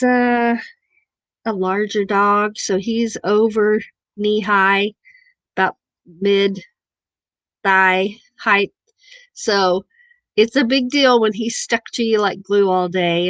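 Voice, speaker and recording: In a mid-range voice with no room sound, a southern Missouri woman speaking with that region's accent hosts a casual livestream chat, talking freely and reading viewer comments aloud.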